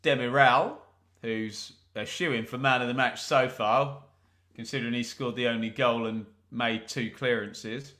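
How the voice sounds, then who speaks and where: This is live match commentary and chat from a man in England hosting a football watch-along, cracking jokes and throwing in asides for his audience. His mid-range voice is pushed and bright, held to a steady tone at a slightly slow pace.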